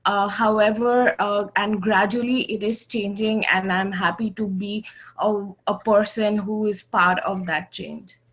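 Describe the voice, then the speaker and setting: A woman from India speaks as a podcast guest, telling her story in a measured, composed way. Her voice sits at a middle pitch. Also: steady tone, a bit bright, low-quality recording. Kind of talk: interview answers.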